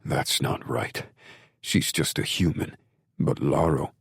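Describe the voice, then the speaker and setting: A man narrating a dark romance audiobook in the first person, brooding, measured and intense. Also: extremely low pitch, vocal fry, slightly rough, no room sound, clean studio sound.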